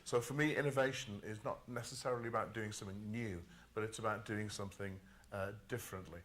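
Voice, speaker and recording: A man giving measured, emphatic remarks as a panelist at a conference. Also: fairly low pitch, fairly even intonation, a bit bright, slight background noise.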